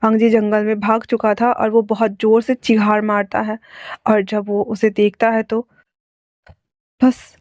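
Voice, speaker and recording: A woman's voice: mid-range voice, monotone, a little slow, darkish tone, no echo. A woman casually narrating a fan fiction story, chatty with asides and restarts. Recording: dull lo-fi dry recording.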